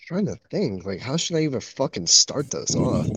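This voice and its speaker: A man's voice: mid-range voice, big pitch swings, moderate pace, a bit bright, slightly rough, no echo. A young man co-hosting a casual podcast, swearing freely and laughing often. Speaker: podcast co-host. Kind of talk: casual chat.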